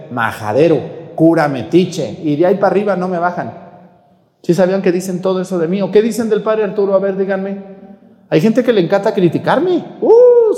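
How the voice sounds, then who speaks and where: Blunt Mexican priest scolding in a reverberant room. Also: male voice, high-pitched. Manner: blunt, scolding, animated with rhetorical questions. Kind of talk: sermon during Mass, addressing viewers.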